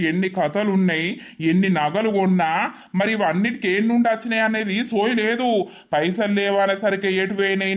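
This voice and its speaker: A woman's voice: medium pitch, lightly acted. A woman voicing a scolding village husband. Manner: scolding, sarcastic. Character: irritated middle-aged village husband, scolding.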